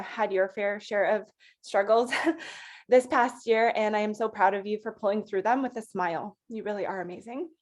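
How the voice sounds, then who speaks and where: A woman who manages a sales team gives a heartfelt thank-you speech to her team. She talks in a chatty, affectionate way with many fillers. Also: mid-range voice.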